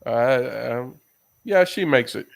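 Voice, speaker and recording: A man's voice: mid-range voice, animated, takes it slowly, creaky. Laid-back man from the Dominican Republic. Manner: laid-back, calls others bro. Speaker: co-host. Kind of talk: casual chat.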